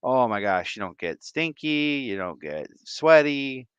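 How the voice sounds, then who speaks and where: A man hosting a casual livestream, greeting viewers in an excitable, effusive way and laughing often. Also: medium pitch, a little slow, clear, resonant tone, dry recording, lo-fi sound. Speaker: livestream host.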